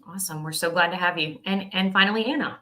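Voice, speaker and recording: A woman's voice: on the low side, fast, pushed and bright. A woman moderating a panel discussion, upbeat and encouraging as she hands over to speakers.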